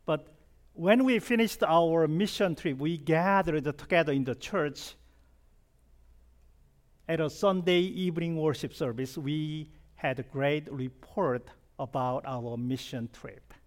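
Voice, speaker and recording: A middle-aged South Korean pastor with a Korean accent delivers a chatty, humorous, conversational sermon, putting questions to the congregation. His voice is a little high and he takes it slowly.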